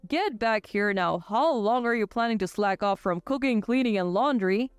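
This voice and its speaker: A woman's voice: mid-range voice, animated, normal speed, clear, resonant tone, no echo, soft background music, lightly acted. A woman voicing a cold, domineering young husband who talks in a curt, bossy way. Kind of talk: scripted storytelling.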